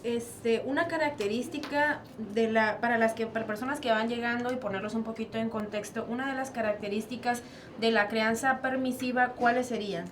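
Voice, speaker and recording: A woman's voice: on the high side, steady tone, brisk. A woman moderator with a Mexican Spanish accent, asking hesitant questions in a panel discussion. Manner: hesitant questioner, brief affirmations. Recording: distant mic with faint noise.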